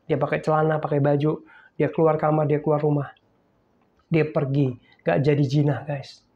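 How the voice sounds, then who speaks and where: A man's voice: a little high, little pitch movement, moderate pace, mellow. A male pastor telling a story in a sermon, acting out the voices and often calling his listeners "guys". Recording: dull lo-fi recording.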